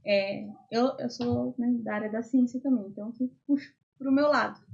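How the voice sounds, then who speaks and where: A young woman with a Brazilian Portuguese accent talks earnestly and casually, leaning on fillers as she explains. Her voice sits high, and the recording sounds dull and lo-fi. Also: fairly even intonation, moderate pace, vocal fry, darkish tone. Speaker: podcast guest. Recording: dull lo-fi audio.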